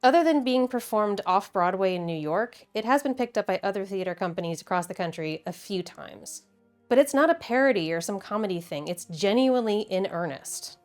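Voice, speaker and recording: Narrating a scripted video essay over soft background music, a woman from the Midwestern United States speaks briskly in an animated, medium-pitched voice. She has an American accent and a wry, emphatic, conversational style full of casual asides.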